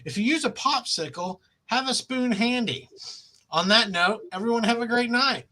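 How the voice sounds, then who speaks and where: A man's voice: very high-pitched, expressive, normal speed, pushed and bright. A middle-aged man with a Wisconsin accent, co-hosting a crude, joking comedy chat on a video call and laughing often. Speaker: podcast co-host.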